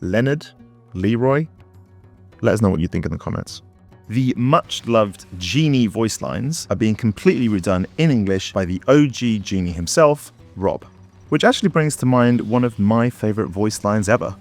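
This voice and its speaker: A man's voice: fairly low pitch, expressive, normal speed, darkish tone. A man presenting as a game developer in scripted promotional narration, with wry, playful asides. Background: background music.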